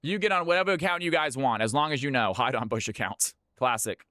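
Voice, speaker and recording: A man's voice: medium pitch, quick pace, sharp tone, no room sound, clean studio sound. A man hosting a livestream of community games, chatting informally with viewers and often repeating his phrases. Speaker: livestream host running community custom games. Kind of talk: livestream chat and game-lobby announcing.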